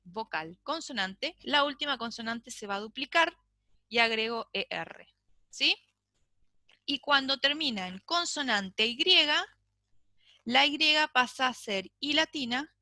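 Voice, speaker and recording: Bright-voiced woman teaching a class. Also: a little high, no room sound. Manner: explanatory, checks in with frequent "¿sí?". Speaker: English teacher. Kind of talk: online class lecture.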